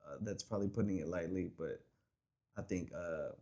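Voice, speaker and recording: A young man co-hosting a casual podcast chat, telling stories in a relaxed way and imitating people's voices in his anecdotes. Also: sits low, normal speed. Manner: laid-back storyteller, mimics voices in anecdotes. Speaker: podcast co-host.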